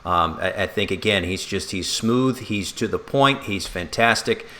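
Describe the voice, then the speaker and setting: A male sports broadcaster with a low, bright voice co-hosts in a casual, conversational way, sometimes halting and restarting.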